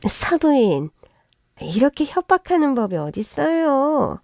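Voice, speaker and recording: Woman doing a shrill, scolding middle-aged mother-in-law. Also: big pitch swings, a little slow, gravelly, no echo, studio quality, exaggerated voice. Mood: pleading. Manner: sharp, scolding, high-pitched outbursts. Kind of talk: narrated story with acted voices.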